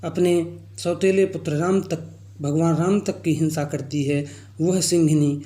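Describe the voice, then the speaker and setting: A man's voice: fairly high pitch, fairly even intonation, a little slow, warm tone. A male teacher who recites lines of a poem and then explains each one in plain words. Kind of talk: explaining a Hindi poem line by line. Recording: echoey room.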